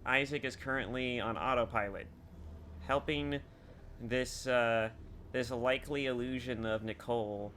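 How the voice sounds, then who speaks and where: A man's voice: mid-range voice, steady tone, measured pace, fairly bright tone, slight background noise. A man giving a casual, crude and sarcastic commentary on a horror game as he plays, swearing freely. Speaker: gameplay streamer. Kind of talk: casual let's play commentary.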